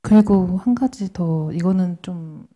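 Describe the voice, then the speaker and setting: Hesitant woman with a dark voice. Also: on the low side, unhurried. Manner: hesitant, breaks into small laughs. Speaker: audience member asking a question. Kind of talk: hesitant conversational question.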